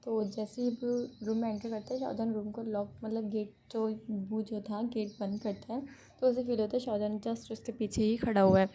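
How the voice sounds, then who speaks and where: A woman's voice: a little high, little pitch movement, normal speed, warm tone, slight background noise. A woman casually retelling a fan fiction story, chatty, often correcting herself mid-sentence. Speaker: narrator.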